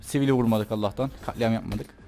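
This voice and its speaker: A gameplay commentator with a lowish, mellow voice talks fast in casual, joking let's-play commentary. He chats and teases the game characters as he plays, his intonation fairly even, with soft music in the background.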